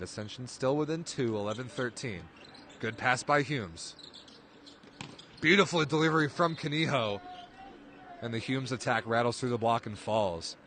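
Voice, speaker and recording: Guy doing live volleyball play-by-play, bright tone, gets loud on big hits, little gym hum. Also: lowish voice. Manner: excitable, voice jumps up on big plays. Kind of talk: live sports commentary.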